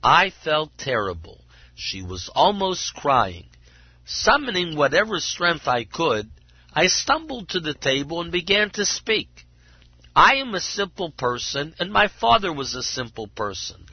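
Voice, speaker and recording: A man's voice: a little high, sing-song, unhurried, slightly rough, no echo, full character voice. Man as a humble, earnest water carrier. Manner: plain, earnest confession. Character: simple humble male water carrier, tearful. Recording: dull lo-fi recording.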